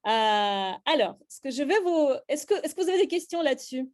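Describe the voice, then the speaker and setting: A woman's voice: high voice, animated, fairly quick. A middle-aged woman from Russia with a Russian accent, leading a slam poetry workshop and explaining her writing with many hesitant fillers and restarts.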